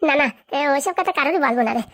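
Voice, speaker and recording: A woman voicing a quick, fussing village housewife in a cartoon. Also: high-pitched, animated, fairly bright tone. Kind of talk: cartoon voice acting.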